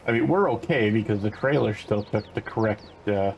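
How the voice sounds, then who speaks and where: A man's voice: lowish voice, fairly quick, gravelly, darkish tone, a little hiss or hum, poor audio. An older man casually commenting while playing a farming game, rambling along with lots of fillers and restarts. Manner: rambling, laid-back, many fillers and self-corrections. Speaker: gaming channel host.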